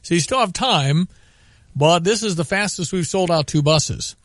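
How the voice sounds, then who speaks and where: A man's voice: sits high, animated, moderate pace, dry recording, clean studio sound. A man hosting local sports radio, doing live ad reads and announcements.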